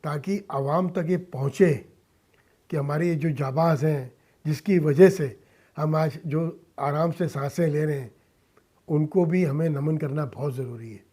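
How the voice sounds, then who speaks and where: Guesting on a radio interview, this filmmaker and philanthropist devoted to social causes talks earnestly in short, deliberate, emphatic phrases. He's a mature man with a slightly high, mellow voice who addresses people respectfully and slips in some English.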